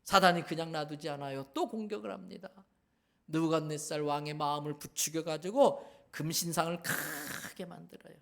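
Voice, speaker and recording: A man's voice: a little high, fairly even intonation, moderate pace, vocal fry, fairly bright tone. A man preaching a sermon as a pastor, emphatic, repeating key phrases and asking the congregation questions. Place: church sanctuary.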